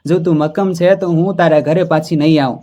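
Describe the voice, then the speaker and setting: A man voicing a stubborn, quick-tempered young wife who speaks sharply and indignantly. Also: a little high, steady tone, warm tone, natural voice.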